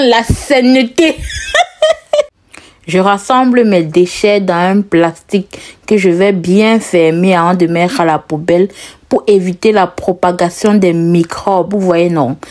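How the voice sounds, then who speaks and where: A woman's voice: on the low side, a little mellow. A woman from Cameroon with a strong Cameroonian French accent, chatting to viewers as she cooks, asking them questions and laughing often. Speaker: cooking vlogger. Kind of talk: casual cooking vlog.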